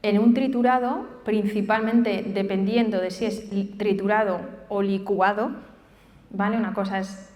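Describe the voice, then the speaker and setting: A woman's voice: medium pitch, fairly even intonation, normal speed, a little mellow. A woman answering questions as a nutrition specialist, explaining informally and often checking that she is understood. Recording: echoey hall with long reverb.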